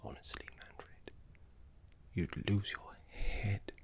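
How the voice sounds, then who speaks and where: In an ASMR roleplay, a man plays a genteel, courteous, fussy professor of necromancy, fussy and flustered in mood. He speaks in his natural voice, soft, breathy, and formal, with dramatic pauses.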